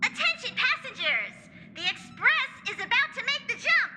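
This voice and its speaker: Brief: a very high, bright-voiced train conductor, barking announcements through an echoing loudspeaker. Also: female voice, sing-song, normal speed, soft background music, full character voice. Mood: urgent. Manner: shouted, bouncy announcer delivery.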